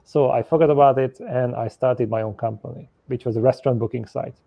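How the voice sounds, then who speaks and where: A man's voice: mid-range voice, fairly even intonation, fairly quick, creaky, no echo. A man from Hungary, a guest telling his story in a candid, matter-of-fact way. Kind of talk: conversational storytelling. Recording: dry, lo-fi audio.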